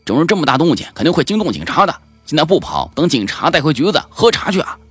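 A man voicing a brash, stout male tomb-raider who hollers loudly at his companions. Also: a little high, sing-song, quick pace, husky, soft background music, voice pushed up. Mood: urgent yelling. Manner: loud hollering.

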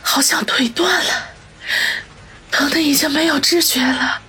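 A man's voice: extremely high pitch, fairly even intonation, a little slow, pushed and bright, a little hiss or hum, pitched above the performer's own voice, heavily acted. A man voicing an injured adult woman who speaks in a feeble, strained voice. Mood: weak, pained. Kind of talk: audiobook character voice.

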